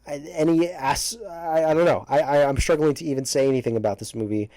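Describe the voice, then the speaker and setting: A man's voice: medium pitch, dark tone, no echo. A man doing casual, opinionated video commentary as a movie reviewer, talking emphatically and often interrupting himself, close to the microphone. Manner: halting, self-interrupting, emphatic. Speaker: movie reviewer ranking films. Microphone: close microphone, breaths hitting it.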